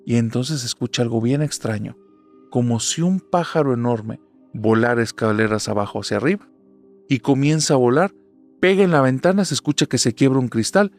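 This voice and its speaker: A man's voice: mid-range voice, brisk, a little mellow. A man narrating a horror story in a suspenseful, dramatic telling. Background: faint music.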